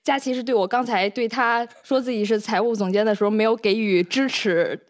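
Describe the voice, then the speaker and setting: Higher-voiced young woman, dry teasing. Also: fairly even intonation, a little fast. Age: young adult. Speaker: new colleague, guest. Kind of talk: casual chat.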